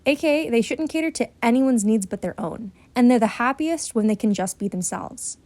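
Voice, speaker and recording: A woman's voice: on the high side, expressive, normal speed, a little mellow, dry recording, soft background music. A woman narrating a scripted video essay in an earnest, explanatory way.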